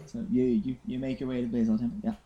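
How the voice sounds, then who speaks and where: Very low-pitched woman running a game. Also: little pitch movement, fast, dark tone, muffled recording. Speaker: game master. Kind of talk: casual tabletop game narration.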